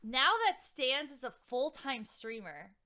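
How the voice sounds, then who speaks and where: A woman's voice: high voice, lively intonation, a little slow, sharp tone. A woman bantering casually with her partner, blunt and sarcastic and swearing freely. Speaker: streamer's partner.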